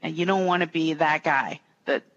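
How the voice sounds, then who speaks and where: A woman's voice: deep voice, normal speed, fairly bright tone. A woman from Minnesota, a state official, giving informal, explanatory answers in a conversational interview. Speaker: state natural resources official. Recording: dull lo-fi audio, faint noise.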